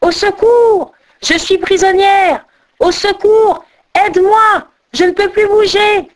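A woman's voice: extremely high pitch, fairly even intonation, slow pace, voice pushed up. A woman voicing a greedy, boastful female crane who taunts her companion in a sing-song way. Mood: panicked.

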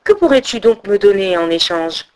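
A woman's voice: medium pitch, very animated, normal speed, darkish tone, lightly acted, rough recording. A woman voicing an ugly, gnarled male guardian god who speaks sternly. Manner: refusing, stern.

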